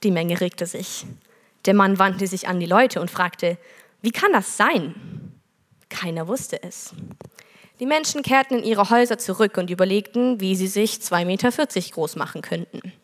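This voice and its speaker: A woman's voice: mid-range voice, normal speed, long reverb tail. A woman preaching a sermon, telling a parable earnestly and reading scripture aloud.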